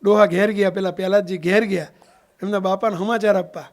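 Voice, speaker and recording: With a high voice, fairly even intonation and a quick pace, a swami preacher narrates a story at a Gujarati satsang. He voices the characters himself and often asks his listeners whether they've understood.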